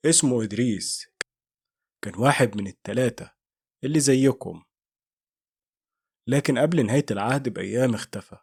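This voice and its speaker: A man's voice: medium pitch, a little fast, creaky, pauses often, darkish tone, slight background noise, lightly acted. A man with an Egyptian Arabic accent voicing a frightened old male monk who gives grave, fearful warnings in a horror story.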